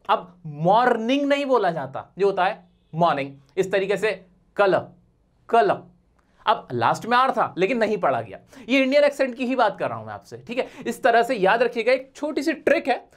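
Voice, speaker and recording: A man teaching a spoken English video lesson. He talks earnestly and directly, keeps checking in by asking whether the viewer has understood, and slows down to model English words one by one. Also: high voice, a bit bright.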